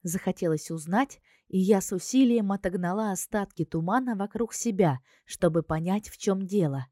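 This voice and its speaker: A woman reads a fantasy novel in the first person, calm and expressive, at a mid pitch. The recording is dry and close, with no room sound. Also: moderate pace, no room sound. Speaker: audiobook narrator.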